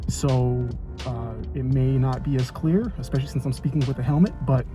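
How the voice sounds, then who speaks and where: Male car vlogger, medium pitch, easygoing off-the-cuff chat, clear music bed behind the voice. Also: fairly even intonation, moderate pace. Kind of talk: casual vlog chat.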